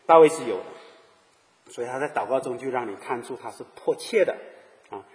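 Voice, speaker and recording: A man's voice: mid-range voice, moderate pace. A man preaching a sermon. He keeps asking his listeners questions and briefly acts out the people he talks about. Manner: animated, asks the listeners questions and acts out little quoted scenes. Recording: long reverb of a large hall.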